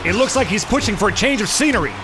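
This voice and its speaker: Male boxing announcer type, very high-pitched, dramatic play-by-play sports call over music. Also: quick pace. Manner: excited, dramatic delivery. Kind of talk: sports commentary in the manner of a boxing ring announcer. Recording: music behind the voice.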